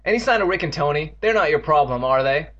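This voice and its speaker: A man voicing a teasing, practical preteen girl in a storybook, with a brisk, questioning manner. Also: a little high, animated, a bit bright, dull audio. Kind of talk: storybook character reading.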